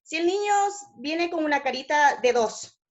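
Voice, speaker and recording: Ecuadorian woman intern, high voice, explaining and quizzing the class, muffled lo-fi sound. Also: lively intonation, moderate pace. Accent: Ecuadorian Spanish. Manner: explanatory, asks the audience, frequent fillers and tag questions. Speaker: hospital intern presenting to classmates. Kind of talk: class presentation. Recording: muffled lo-fi audio.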